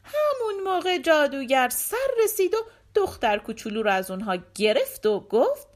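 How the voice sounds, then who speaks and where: A woman narrating a folk tale for a storybook recording, in an expressive, lilting way. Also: sits high.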